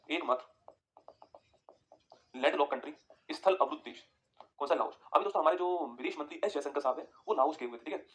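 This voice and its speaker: A man teaching a geography lesson over a map, talking quickly and repeating points for students to write down. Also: fairly high pitch, a bit bright. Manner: rapid, repetitive, tells students to write points down.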